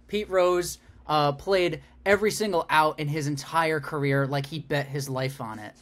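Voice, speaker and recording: A young man co-hosting a casual sports podcast, getting excited as he talks. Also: a little high, normal speed. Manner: excitable, builds up energy in stories. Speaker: podcast co-host.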